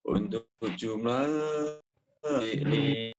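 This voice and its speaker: A man reciting grammar rules in an online class, his audio choppy and cutting out as he repeats phrases haltingly. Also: mid-range voice, a crowd in the background. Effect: choppy, cutting-out call audio. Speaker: student. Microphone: online voice call. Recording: dull, slightly noisy call line.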